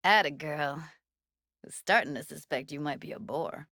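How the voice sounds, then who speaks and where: Judy Alvarez, a streetwise cyberpunk tech. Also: female voice, sits low, moderate pace, pushed and bright, dry recording, clean studio sound. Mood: teasing, flirty.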